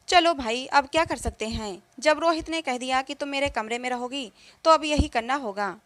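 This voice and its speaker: A woman's voice: high-pitched, fairly bright tone, no room sound. A woman voicing a domineering, traditional mother-in-law who scolds and lectures in a narrated story. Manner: scolding and preachy.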